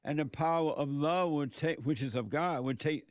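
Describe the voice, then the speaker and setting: A man's voice: a little high, moderate pace, no room sound, studio quality. A man hosting call-in talk radio, debating bluntly and repeating his questions.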